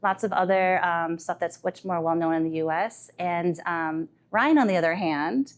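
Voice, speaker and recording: A woman in her thirties moderating a live panel conversation, chatty and quick to laugh. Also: on the low side. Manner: lively, laughs often, chatty fillers.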